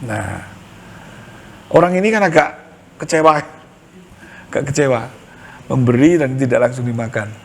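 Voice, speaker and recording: A man's voice: medium pitch, expressive, moderate pace, gravelly, long pauses, a little hiss or hum. A middle-aged man with a Javanese accent, preaching to a women's study group with humor and acted-out dialogue. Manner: humorous storytelling, acts out dialogue. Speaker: Islamic preacher.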